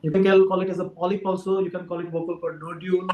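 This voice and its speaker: A man's voice: sits high, level tone, fast, highs cut off. Male doctor, echoey room. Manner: careful explainer with frequent fillers. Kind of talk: explaining to an interviewer. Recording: roomy echo.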